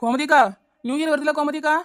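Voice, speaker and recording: A woman's voice: sits high, fairly even intonation, quick pace, a bit bright. A woman voicing a scatterbrained housewife in a comedy cartoon, chattering and wheedling, with a Kanyakumari Tamil accent. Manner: chattering, wheedling, repeats the neighbour's name.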